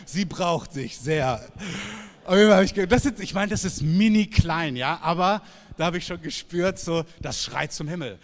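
Preacher, male, high voice, emphatic conversational sermon, long hall reverb. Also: brisk. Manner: lively, emphatic, conversational preaching with sudden loud bursts.

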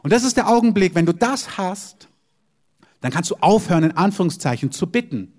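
A man's voice: high-pitched, very animated, brisk, a little mellow. A man preaching a sermon as pastor, emphatic and repeating amens.

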